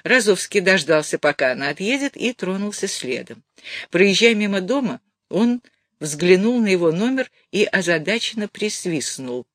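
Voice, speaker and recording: A man narrating a detective novel aloud in a steady storytelling manner. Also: high-pitched, normal speed, dry recording, studio quality. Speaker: audiobook narrator. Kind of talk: scripted narration.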